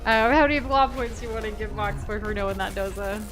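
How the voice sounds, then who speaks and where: A woman co-hosting a game livestream chats casually and reads out viewer comments in a playful, giggly way. Her voice is mid-range and she talks quickly, with music in the background.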